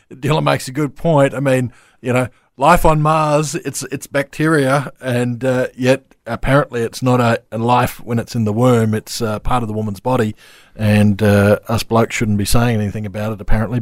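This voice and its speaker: A man's voice: mid-range voice, steady tone, moderate pace, no echo, studio quality. A man with an Australian accent giving conversational commentary as a radio co-host.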